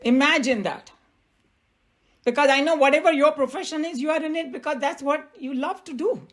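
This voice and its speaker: A woman with an Indian accent explains scripture in a spirited discussion, animated and quick to laugh. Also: high-pitched. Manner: animated, laughing, mixes in Hindi phrases.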